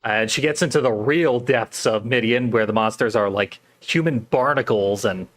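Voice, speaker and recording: Man, podcast co-host, casual film recap, dry wit, steady storytelling. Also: medium pitch, moderate pace. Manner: dry, wry remarks; recaps plot in a steady telling.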